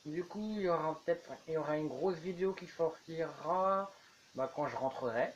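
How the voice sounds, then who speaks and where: A man's voice: fairly high pitch, moderate pace, highs cut off, a little hiss or hum. A man chatting casually while building in a game, rambling on as he goes. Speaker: YouTuber. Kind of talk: casual gameplay commentary.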